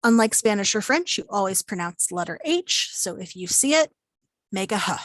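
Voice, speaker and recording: A woman's voice: mid-range voice, expressive, normal speed, dry recording. Woman teaching an online Latin class. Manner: unscripted, many ums and restarts. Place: home, virtual presentation.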